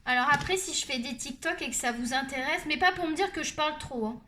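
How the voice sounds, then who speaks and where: A woman with a high, shrill voice who talks loudly and at length, chatting her way through a colored-pencil tutorial. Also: fast, slight background noise. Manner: loud, talkative and animated. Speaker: colouring tutorial host.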